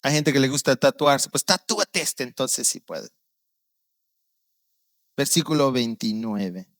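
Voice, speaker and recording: Earnest Guatemalan pastor preaching. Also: male voice, animated, a little slow, no echo. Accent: Guatemalan Spanish. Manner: storytelling, acting out quoted voices with sudden loud outbursts; earnest, drops low and quiet on serious points. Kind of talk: sermon.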